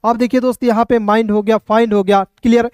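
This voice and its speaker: High-voiced man teaching phonics slowly. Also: little pitch movement, a little mellow, clear, resonant tone, no room sound. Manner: repeats "doston" and checks understanding often; slow, spelled-out letter-by-letter explanation. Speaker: English teacher. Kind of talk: spoken Hindi phonics lesson.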